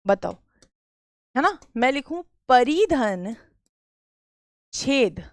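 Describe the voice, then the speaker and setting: A fairly high-voiced woman from Bareilly, with a western Uttar Pradesh accent, teaches grammar to her online class at an unhurried, deliberate pace. A sore throat roughens her voice, and she keeps repeating key points for the students. The sound is close and dry, with no room echo. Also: sing-song. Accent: western Uttar Pradesh (Bareilly) Hindi. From Bareilly district, Uttar Pradesh, India. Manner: patient, repeats key phrases, addresses students as beta.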